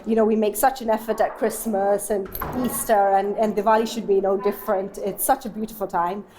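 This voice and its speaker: A woman's voice: medium pitch, level tone, brisk, dark tone, slight background noise. Heartfelt British woman dancer. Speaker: dancer and mother. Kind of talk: interview at an event.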